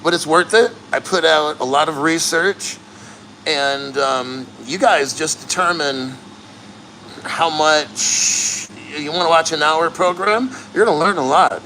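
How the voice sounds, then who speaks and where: A man chatting casually and bluntly to livestream viewers, earnest and straining through the cold as he sits neck-deep in an ice plunge. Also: measured pace, sharp tone, a little hiss or hum, rough recording. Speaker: livestream host.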